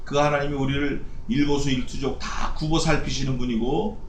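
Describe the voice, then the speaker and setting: Korean pastor preaching in an echoey church. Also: male voice, medium pitch, steady tone, normal speed, slight background noise. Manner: preaching with rhetorical questions and repeated short phrases. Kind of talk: sermon. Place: church sanctuary.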